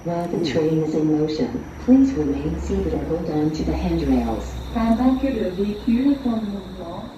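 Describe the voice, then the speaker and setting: A woman giving a recorded train station announcement over a train's loudspeaker, slow and measured. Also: fairly low pitch, animated, muffled recording, noisy background. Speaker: transit announcer. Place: inside a light rail train. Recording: echoey loudspeaker heard from a distance.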